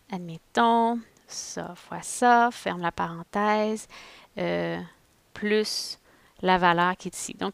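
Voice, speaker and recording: A woman, a teacher talking through a software tutorial step by step, thinking aloud as she goes. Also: mid-range voice, vocal fry, clear, resonant tone, dry recording. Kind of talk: screen-recorded software tutorial.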